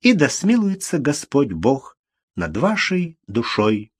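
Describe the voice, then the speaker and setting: An unmoved older judge speaks in a measured, formal way as he sentences a prisoner, read by a man in close to his own voice. The tone is official and even. It is an audiobook reading. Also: mid-range voice, husky, full character voice. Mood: solemn, formal. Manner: level, formal. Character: stern older male judge passing sentence.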